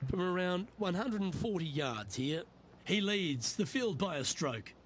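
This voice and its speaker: A television golf commentator for a video game, with a fairly high male voice. He gives measured, short play-by-play calls over clearly audible outdoor background noise. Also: lively intonation, fairly bright tone. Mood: composed, admiring.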